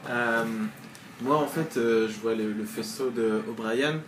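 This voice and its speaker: A man's voice: mid-range voice, slow, slight background noise. A man playing in a tabletop game, describing his moves hesitantly with fillers. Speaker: player. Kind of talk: tabletop role-play. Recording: distant echoey mic, faint ambience.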